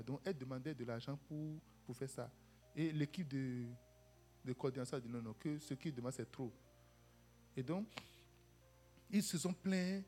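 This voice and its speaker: A woman preaching a sermon, calling to the congregation and acting out the voices of people in her stories. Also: low voice. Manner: animated, calls for "Amen" and "Alléluia", acts out quoted voices.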